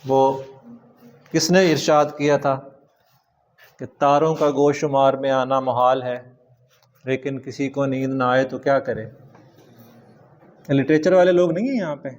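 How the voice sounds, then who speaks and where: A man with a Pakistani accent teaching a classroom vocabulary lecture. He reads English words slowly and explains them in Urdu. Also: fairly high pitch, a little mellow.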